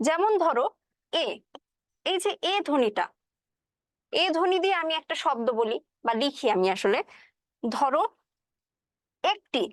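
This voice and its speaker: A woman teacher with a high voice explains a lesson step by step and keeps checking that her students follow. She mixes English words into her speech. The recording is dry and close, with no room echo. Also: animated, measured pace, long pauses. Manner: spoken with English words mixed in. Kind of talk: classroom lecture.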